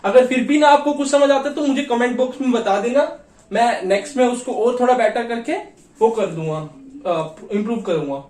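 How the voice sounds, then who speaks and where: A man teaching a beginners' lesson, patiently repeating each sound slowly. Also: extremely high pitch, darkish tone. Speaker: language teacher. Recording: echoey room, mic far off.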